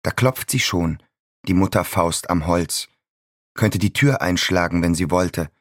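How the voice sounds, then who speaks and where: Bitter sardonic young son, very deep voice, dry close sound, brooding inner monologue. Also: male voice, a little slow, fairly bright tone, no room sound. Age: 20s. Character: bitter 26-year-old son stuck in his childhood room.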